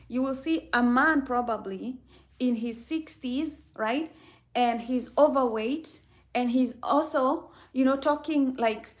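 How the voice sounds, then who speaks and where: A woman from Kenya hosts a faith-based motivational talk on a livestream. She speaks in a fairly high voice and preaches with emphasis, often repeating her key lines for effect. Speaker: livestream host.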